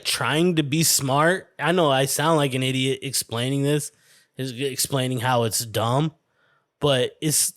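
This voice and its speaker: A man's voice: mid-range voice, fairly bright tone, no echo. Dude ranting on his own podcast, rambly and sweary, tons of likes and you knows, super dry close mic. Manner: rambling, profane, lots of fillers and restarts. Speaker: podcast host. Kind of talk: casual solo podcast rant. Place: indoor room with a window.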